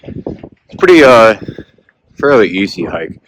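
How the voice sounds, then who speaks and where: Out of breath on an outdoor hiking trail, a vlogger with a very deep voice rambles in a slow, sing-song, laid-back way, full of filler words, while filming himself on camera. The recording is noisy, with distant gunfire from a shooting range in the background.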